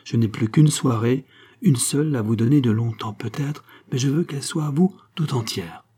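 Sentimental fake countess coaxing her lover, man reading her, dark husky voice, storybook. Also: mid-range voice, normal speed, natural voice.

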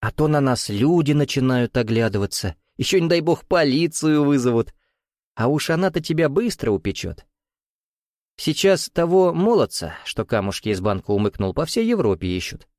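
A man's voice: medium pitch, big pitch swings, normal speed, a little mellow, dry recording, clean studio sound, pitched above the performer's own voice, close to an everyday voice. A man voicing a jovial, sly bearded Russian nouveau-riche man who teases in a folksy, coaxing way with veiled menace.

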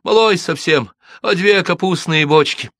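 A man's voice: high voice, unhurried, a bit bright, dry recording, studio quality, voice pushed up. A man voicing a tearful young peasant girl who talks in wailing village speech. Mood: dreamy.

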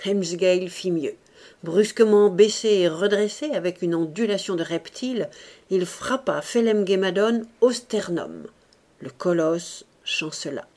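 Slow expressive woman audiobook reader. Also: on the low side. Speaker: audiobook narrator. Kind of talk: literary audiobook reading.

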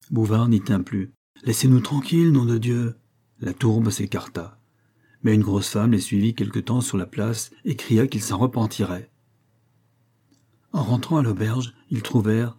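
A man narrating a classic novel in measured phrases, with a low, mellow and somewhat husky voice. The delivery is steady and unhurried. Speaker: audiobook narrator. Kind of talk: scripted narration.

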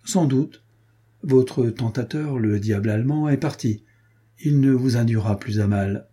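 A man's voice: mid-range voice, a little slow, warm tone, slightly rough. A man reading an audiobook voices an ironic, teasing young nobleman and swordsman.

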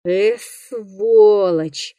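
A woman's voice: mid-range voice, slow, a little mellow, no echo, studio quality. A woman voicing a bold young male hunter who speaks in a curt, commanding, irritable way. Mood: urgent.

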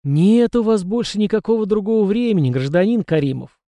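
A man reading an audiobook voices a smug, self-satisfied middle-aged male police investigator in a raised, louder voice. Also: on the high side, sing-song, a little fast, no echo, voice pushed up.

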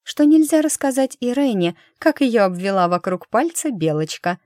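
A woman reading a lively, teasing young woman in an audiobook, quick and emotional in her lines. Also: a little high, no room sound, clean studio sound, pitched above the performer's own voice. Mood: chatty.

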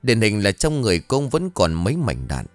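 Guy narrating an audiobook story, dramatic, very lively pitch, dry close mic. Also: brisk, dry recording, faint music behind.

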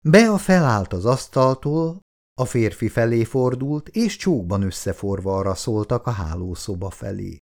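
A man reading an audiobook aloud with an expressive, animated delivery. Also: medium pitch, vocal fry. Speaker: audiobook narrator.

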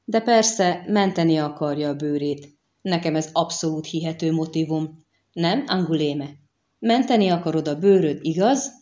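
A woman reading an audiobook and voicing a stern, calculating middle-aged male prefect who speaks with measured contempt. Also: deep voice, warm tone, dull audio, natural voice. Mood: mocking.

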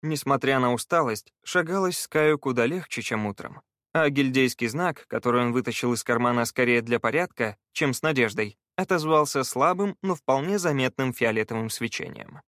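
Man, audiobook narrator, measured fantasy storytelling, mid-pitched, dry close sound. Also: fairly bright tone, no echo.

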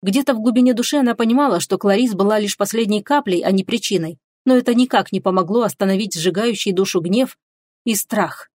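A woman narrating an audiobook in an expressive storytelling manner. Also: mid-range voice, brisk, dry recording.

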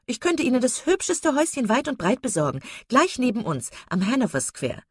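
A woman voicing a cheerful, gushing young wife who chatters in a high, breathless, laughing voice. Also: wildly swooping pitch, a little fast, breathy edge, dry recording, studio quality, heavily acted. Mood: pleading.

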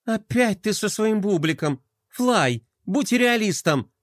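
A man voicing a skeptical young skateboarding girl in a children's story, with a scoffing, excitable way of talking. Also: sits high, slow pace, dry recording, clean studio sound, pitched above the performer's own voice.

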